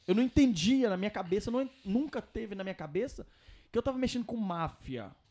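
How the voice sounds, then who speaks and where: A young Brazilian man, telling his story casually on a podcast in a slangy, animated way. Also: high-pitched, fast.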